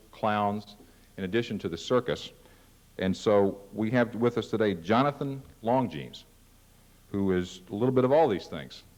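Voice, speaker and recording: A man's voice: on the low side, a little mellow. A man giving a casual, self-deprecating presentation to staff at a company meeting, acting out lines from ads. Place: large conference hall. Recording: long reverb of a large hall.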